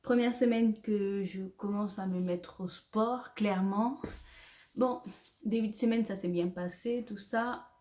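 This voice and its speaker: A young woman talks to her camera at home in a loose, chatty vlog style. She laughs easily and drops the odd swear word. Her voice sits at an ordinary pitch, and the room gives it a noticeable echo. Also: a little slow, mellow. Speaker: vlogger. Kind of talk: casual vlog chat to camera. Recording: roomy echoey home recording.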